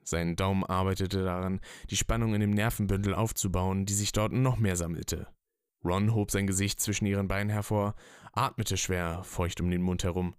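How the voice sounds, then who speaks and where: A man narrates a written story with a steady, even reading. His voice is very low and smooth, recorded dry and close with no room sound. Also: moderate pace, no room sound. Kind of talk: scripted narration.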